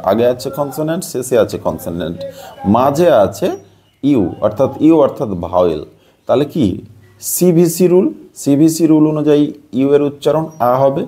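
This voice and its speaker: A man from Bangladesh explains a pronunciation lesson. He is patient and repetitive, spelling words out sound by sound. His pitch moves in a lively way and his tone is mellow. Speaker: English teacher.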